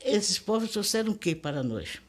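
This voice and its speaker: A woman's voice: medium pitch, sing-song, moderate pace. Older Brazilian woman, emphatic and didactic. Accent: Brazilian Portuguese. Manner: emphatic, didactic, spells out pronunciations. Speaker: linguist. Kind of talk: documentary interview.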